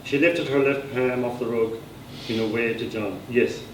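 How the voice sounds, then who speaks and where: At a society gathering indoors, a man with an Irish accent reads aloud from his own literary fiction in scripted narration, his voice medium in pitch and at normal speed. The recording is echoey and faintly noisy, taken from a distant mic.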